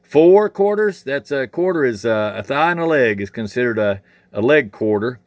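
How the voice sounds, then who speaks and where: A man's voice: mid-range voice, normal speed, dry recording. A man with a mid-range voice hosts a casual outdoor cooking vlog. He talks in a folksy, rambling way, thinking aloud as he works. The sound is dry and close, picked up by the camera he holds. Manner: folksy, chatty, thinks aloud while working. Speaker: home cook and channel host. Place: outdoor cook shack. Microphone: handheld camera.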